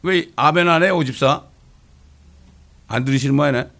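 A man preaching a sermon as a pastor, emphatic and often asking his congregation a quick question. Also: fairly high pitch, gravelly, fairly bright tone.

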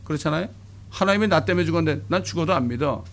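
A man's voice: on the high side, animated, racing. A male pastor preaching a fiery, blunt sermon, with coarse insults thrown in.

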